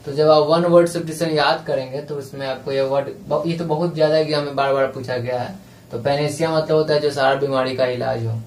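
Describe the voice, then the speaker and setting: A male exam prep teacher explaining a lesson, reading English lines slowly and spelling words letter by letter. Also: fairly high pitch, steady tone, a little mellow, a little hiss or hum. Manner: reads English passage slowly, drawn out. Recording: echoey room, voice from a distance.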